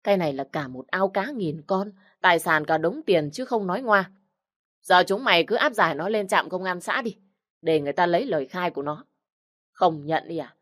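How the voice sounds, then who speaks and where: A woman's voice: fairly low pitch, lively intonation, fairly quick, a bit bright. A woman voicing a harsh, scheming middle-aged village woman who accuses and barks orders. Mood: commanding. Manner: accusing, scornful, barking orders.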